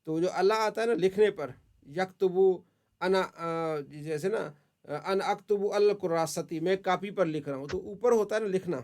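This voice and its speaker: A man's voice: sits high, darkish tone. Patient male Arabic grammar teacher. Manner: patient, correcting students, praising often. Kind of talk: online Arabic grammar class.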